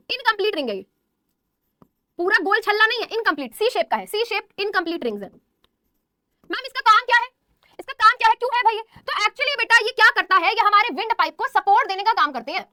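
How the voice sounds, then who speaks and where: Recorded in studio quality with no room sound, a young woman with an extremely high, bright and forceful voice gives a biology lesson. She calls students "beta," answers her own questions, and sprinkles English terms through her explanations.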